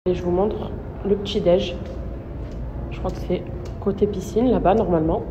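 A young woman influencer vlogging her trip chats casually with followers in an expressive, slangy way, her voice rough and croaky like it's morning. Shot on a handheld phone, the recording is muffled and noisy with ambient rumble, and she talks at normal speed.

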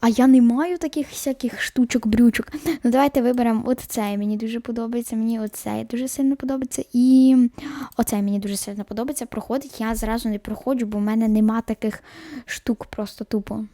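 A woman narrates her game out loud, talking straight to her viewers and sometimes slipping into a whisper. Her voice sits a little high but has a mellow, soft tone. The recording is dry and close, with no room sound. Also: fairly even intonation, fast, no echo. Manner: chatty, talks to viewers while playing, drops into whispers. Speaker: gaming video host. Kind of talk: casual gameplay commentary.

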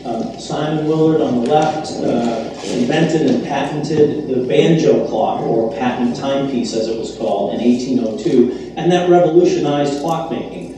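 A man's voice: mid-range voice, normal speed, hardly any pauses. Boston man lecturing in an echoey hall. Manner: filler-heavy, relaxed and self-deprecating. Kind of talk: public lecture. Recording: echoey hall, distant mic, faint hiss.

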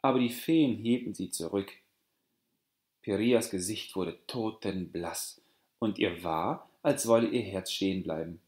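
A man narrating a fairy tale for an audiobook in a calm, even storytelling manner. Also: lowish voice, unhurried. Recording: roomy echo.

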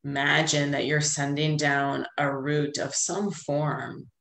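A middle-aged woman calmly guiding a grounding meditation in a soothing, unhurried voice with long pauses, over a video call. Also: deep voice, vocal fry. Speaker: meditation guide. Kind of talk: calm guided grounding meditation. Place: indoor room with plain wall, on a video call. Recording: roomy, echoey video call audio.

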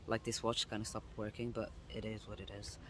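A man's voice: lowish voice, completely flat delivery, brisk, a bit bright, slight background noise. A young man talking casually to his phone camera outdoors on a woodland path, chatty and explaining things step by step, often restarting his sentences. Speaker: vlogger. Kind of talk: casual vlog talk to camera. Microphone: phone camera at arm's length.

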